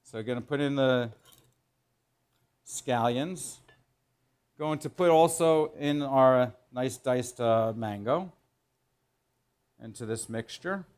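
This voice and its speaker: A middle-aged man, a chef teaching in a kitchen, explaining as he works in an informal, halting way and repeating phrases for emphasis. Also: mid-range voice, darkish tone. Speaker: chef giving a cooking demonstration. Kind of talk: instructional cooking demo, explaining while working. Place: indoor professional teaching kitchen.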